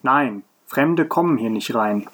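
A man's voice: medium pitch, lively intonation, measured pace, a bit bright. A man doing a grumpy innkeeper. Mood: grumbling. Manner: grumpy, curt. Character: grim, gruff innkeeper played by a boy.

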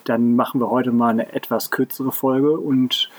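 A man co-hosting a podcast and reading a children's Christmas story aloud in a calm, steady way. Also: mid-range voice, measured pace. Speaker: podcast co-host and story reader.

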